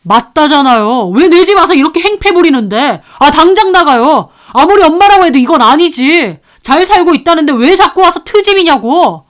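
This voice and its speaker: A woman voicing a grown son in a storybook who argues loudly and defensively with his mother. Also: high-pitched, very animated, fairly quick, hardly any pauses, pitched above the performer's own voice. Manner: loud, defensive, arguing.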